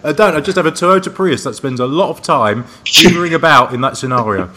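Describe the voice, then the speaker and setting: A podcast co-host from Liverpool tells a story in casual chat, animated and laughing, switching into high voices to quote people. He speaks fairly quickly, and the recording is very noisy.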